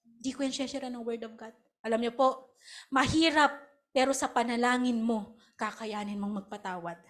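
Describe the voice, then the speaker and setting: A woman pastor with a Filipino accent preaches in lively Taglish. Her voice sits high. She drops into acted quotes of other people as she goes. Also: normal speed, faint music behind. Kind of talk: sermon.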